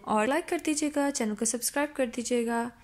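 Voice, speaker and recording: A woman hosting her cooking channel, chatting casually through an unboxing review of baking supplies and often pausing to fill gaps as she shows each item. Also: high voice. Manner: chatty, frequent hesitations, shows items one by one. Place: indoors at home, seated over a box.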